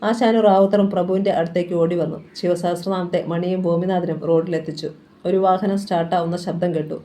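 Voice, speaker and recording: A woman's voice: fairly low pitch, fairly even intonation, fairly quick, mellow. A woman reading a crime thriller novel aloud as scripted narration, with a dramatic delivery. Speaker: novel reader.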